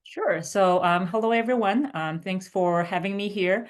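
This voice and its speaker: Woman from china on a panel, polite, kinda hesitant, lots of uhs, mid pitch. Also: moderate pace. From mainland China. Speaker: panelist, doctoral student. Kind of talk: panel introduction and advice.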